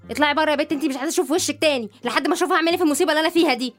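Brief: woman voicing irritable young man in a woman's body, Egyptian accent, snaps and shouts fast. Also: high-pitched, soft background music, natural voice. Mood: angry teasing. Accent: Egyptian Arabic. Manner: snappy, shouting.

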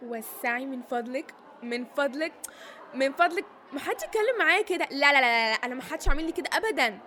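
Brief: woman as wailing Egyptian inmate, very high and quick. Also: animated, sharp tone, a little hiss or hum. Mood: grieving. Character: grieving, prickly young female inmate.

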